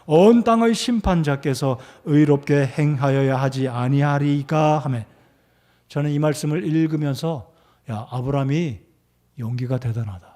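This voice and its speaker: Fervent Korean pastor preaching. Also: male voice, on the high side, moderate pace, dark tone. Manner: reads scripture aloud, then preaches with rising fervor. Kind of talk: sermon.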